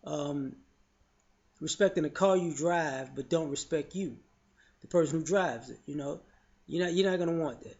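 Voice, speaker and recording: A man's voice: fairly high pitch, moderate pace, a little mellow. A man giving his opinions in casual spoken commentary, frank and loose, often saying "you know" and restarting his sentences. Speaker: vlogger sharing opinions. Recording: dull lo-fi audio.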